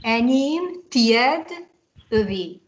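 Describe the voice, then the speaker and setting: Woman teaching slowly over a call. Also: on the high side, lively intonation, a little hiss or hum. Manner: spells words out letter by letter, patient and corrective. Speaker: Hungarian teacher. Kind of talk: language lesson over video call. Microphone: video call.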